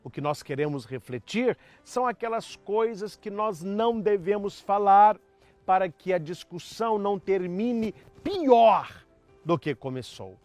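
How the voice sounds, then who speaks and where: A priest delivers an emphatic, teacherly talk on marriage. His voice is high and very lively in pitch. Faint music plays underneath. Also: a little slow, no echo.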